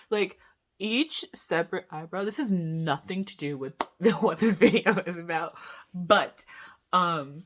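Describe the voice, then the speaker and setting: Here a young man vlogs casually, rambling along with lots of side comments and giggles as he talks to the camera. His pitch runs fairly high and his tone is fairly bright.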